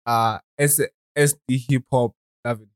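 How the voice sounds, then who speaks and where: A man's voice: medium pitch, fairly even intonation, unhurried, clear, resonant tone, no echo, clean studio sound. A young man co-hosting a podcast in a casual, slangy chat style. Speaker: podcast co-host.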